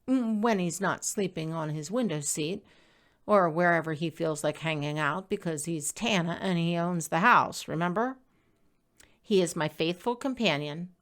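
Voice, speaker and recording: Speaking in a fairly low register, this woman narrates her own blog post from a script. She tells it like a story, conversational and expressive.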